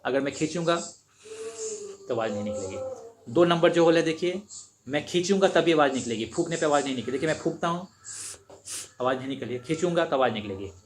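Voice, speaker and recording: A man with a slightly higher voice gives a patient, step-by-step beginner harmonica lesson, repeating his points as he demonstrates. Faint ambient noise sits behind him. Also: lively intonation, fast, pauses often. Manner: patient, repetitive step-by-step explaining. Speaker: harmonica teacher. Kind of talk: instructional demonstration.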